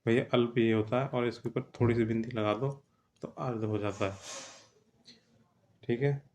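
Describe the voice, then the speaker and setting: A man's voice: mid-range voice, steady tone, moderate pace, darkish tone, a little hiss or hum. A man teaching an exam-prep grammar lesson, explaining step by step and often checking with "theek hai".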